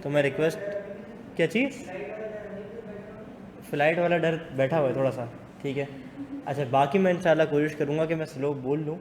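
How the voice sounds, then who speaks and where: A man teaching a business law class in a classroom. He talks fast, teases students and mixes English into his speech. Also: fairly high pitch, fairly even intonation, darkish tone. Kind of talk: classroom lecture. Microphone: not using the class mic. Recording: echoey classroom with long reverb and faint noise.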